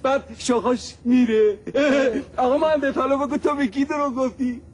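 A man's voice: very high-pitched, fairly even intonation, a little mellow, breathy edge. An actor playing a fussy, flustered father who stammers and chuckles.

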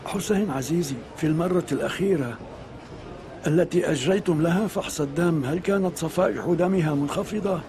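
An actor playing an older male doctor and father who talks calmly and gives gentle orders. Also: on the high side, brisk, background noise, natural voice. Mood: firm. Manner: calm, fatherly, gently commanding. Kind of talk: dubbed TV drama acting.

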